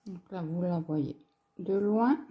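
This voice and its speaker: A woman's voice: fairly low pitch, takes it slowly, dark tone, a little hiss or hum. A French woman presenting a cross-stitch kit in a casual, chatty unboxing vlog, talking through it with fillers and small hesitations. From France. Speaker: craft vlogger. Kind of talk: casual unboxing show-and-tell.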